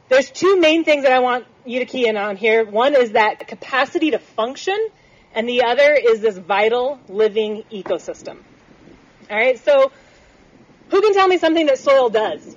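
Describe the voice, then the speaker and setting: A woman soil scientist giving an energetic, passionate talk outdoors, quizzing her audience. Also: a little high. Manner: energetic, passionate, engaging the crowd with questions. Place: outdoors on grass under trees. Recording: outdoor talk through a speaker system, lo-fi. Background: wind and chirping birds.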